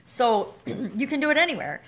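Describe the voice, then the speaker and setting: A woman's voice: sits high, lively intonation, normal speed. A middle-aged woman coaching in a chatty, earnest way, now and then laughing as she explains. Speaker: wellness coach. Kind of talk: casual teaching talk to camera.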